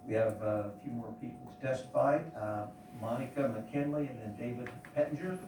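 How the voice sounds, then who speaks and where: A man chairing a committee hearing, calling testifiers in a brisk, procedural way. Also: medium pitch, background noise. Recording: echoey hearing room from far off.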